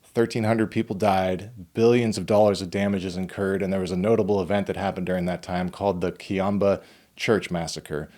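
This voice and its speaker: Brief: male podcast host, lowish voice, smooth scripted intro, short attentive questions. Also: level tone, brisk, a little mellow. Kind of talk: podcast interview.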